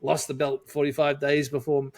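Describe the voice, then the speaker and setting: A man's voice: a little high, monotone, moderate pace, a little mellow. A man co-hosting a wrestling podcast, talking casually and joking, thinking aloud with plenty of fillers. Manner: chatty and jokey, thinking aloud with frequent fillers. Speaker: podcast co-host.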